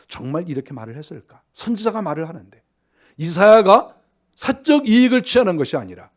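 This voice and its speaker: A male pastor preaching a sermon in an emphatic way, swinging between loud stresses and quiet asides. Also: high-pitched.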